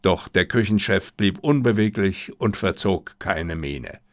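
Expressive male audiobook narrator, dry studio sound. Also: low-pitched, a little slow, dry recording. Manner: expressive first-person storytelling. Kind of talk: scripted narration.

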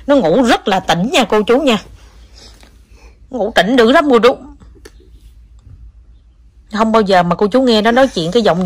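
A chatty mother talks to her viewers in an easy, animated way. She teases her child playfully between stories, at an everyday middle pitch. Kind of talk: casual chat to viewers. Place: home, by a sleeping child.

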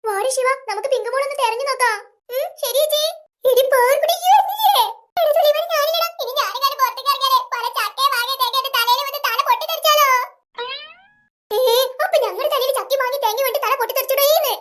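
A voice actor playing several family characters in a comic sketch, wailing and bickering melodramatically. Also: female voice, extremely high pitch, fast, bright, forceful tone.

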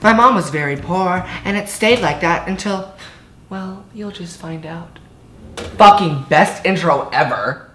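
A woman's voice: lowish voice, animated, a little slow, a bit bright, slight background noise. A young woman vlogger reading fan fiction aloud for laughs with a friend, giggly and brash, swearing freely. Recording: roomy echo, faint music.

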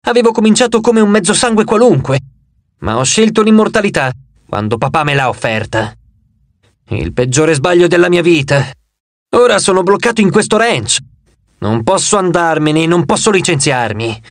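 A man voicing a weary immortal cowherd who speaks in a low, tired drawl, in an audiobook. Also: big pitch swings, moderate pace, no echo.

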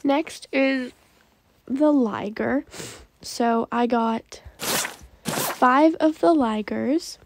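A woman's voice: sits high, drawn-out words, pauses often, noisy background. A young woman hosting a gaming channel, chatting casually about her game pets and often saying "like" and "um". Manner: chatty, says "like" and "um" a lot.

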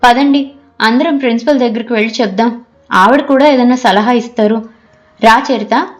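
A woman's voice: fairly high pitch, moderate pace, natural voice. A woman voicing a caring, middle-aged female college lecturer who speaks in a concerned, soothing way.

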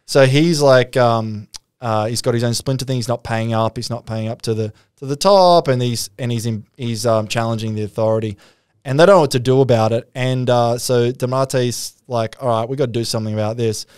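A man's voice: mid-range voice, a little fast, a little mellow, clean tone, no echo, clean studio sound. An Australian man co-hosting a podcast, telling a crime story in a rambling, swearing way, putting on voices for the people he quotes. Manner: rambling, profane, acts out quotes. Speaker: podcast co-host. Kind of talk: casual storytelling chat.

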